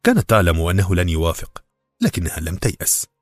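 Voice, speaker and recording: A man with a very low voice reads a novel aloud in measured, scripted storybook narration. The recording is dry and close, and faint music plays underneath. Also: huge pitch swings, dry recording. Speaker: audiobook narrator.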